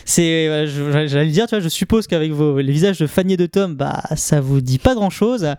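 A man's voice: fairly high pitch, animated, fairly quick, darkish tone, clean tone, dry recording, clean studio sound. A man co-hosting a casual podcast, talking sentimentally with many hesitations and restarts. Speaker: podcast co-host. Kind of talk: casual chat and personal segment.

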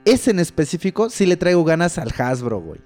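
A man's voice: on the high side, very animated, a little fast, darkish tone, faint music behind. A man with a Mexican accent co-hosting a podcast, chatting casually and slangily, dropping "güey" all the time. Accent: Mexican Spanish. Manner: slangy, laid-back, says "güey" constantly. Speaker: podcast co-host. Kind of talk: casual chat.

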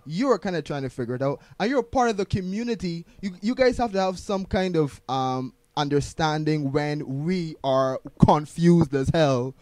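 Lively-pitched male podcast host. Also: normal speed, few pauses, no echo. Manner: stammering, questioning, expressive. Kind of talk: casual podcast conversation.

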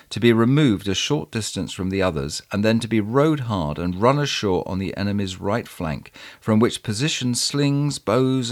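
Give me a low-voiced male podcast host reading historical texts with expressive, varied intonation. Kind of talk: reading historical documents aloud.

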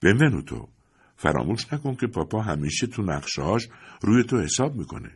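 A man's voice: on the low side, sing-song, husky, heavily acted. A man voicing a skeptical immigrant mother in an audiobook, scoffing and dismissive.

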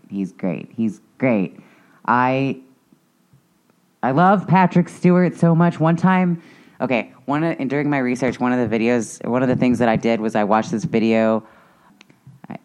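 A man's voice: on the low side, darkish tone, muffled recording. A man co-hosting a podcast, telling a story in a rambling, hesitant way full of restarts. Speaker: podcast co-host. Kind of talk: casual chat.

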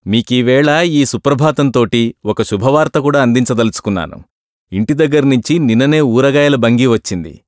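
A man voicing a cheerful young man who chats in a friendly, lively way. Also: mid-range voice, moderate pace, no echo, studio quality, close to an everyday voice.

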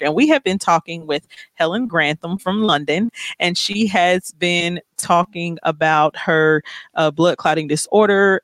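A woman's voice: low-pitched, no room sound. A woman hosting a radio show, introducing segments and putting questions to her guest.

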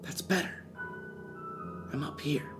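A narrator doing a deep voice calling down a chimney. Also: takes it slowly, music in the background. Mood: coaxing. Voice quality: low, deep, inviting. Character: coaxing male hand voice calling down from a chimney. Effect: distant voice echoing down a chimney. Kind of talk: storytelling reading.

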